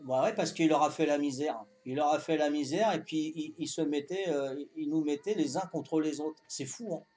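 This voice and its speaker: A man in his fifties with a Corsican accent, chatting calmly to his viewers during a live game stream, tagging his sentences with "hein" and repeating himself. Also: a little high. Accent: Corsican French. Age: 50s. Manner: calm, unhurried, talks to chat while playing.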